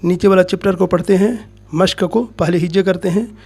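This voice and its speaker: A man with an Indian Urdu accent teaching Quran reading, spelling out letters and sounds one by one in a steady, methodical drill. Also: sits high, husky. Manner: slow, drawn-out chanting of verses at the start. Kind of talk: spelling-out recitation lesson.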